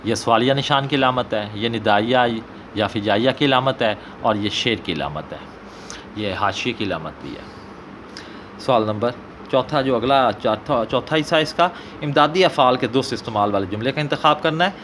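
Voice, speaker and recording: A man with a Pakistani Punjabi accent, an Urdu teacher working through an exam paper and slowly repeating example sentences. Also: mid-range voice, fairly bright tone, slight background noise.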